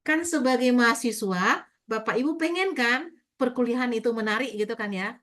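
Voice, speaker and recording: A middle-aged woman giving a classroom lecture to university students, talking to them directly and acting out little dialogues with children. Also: normal speed. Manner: lively, acts out child and teacher dialogue in a higher voice.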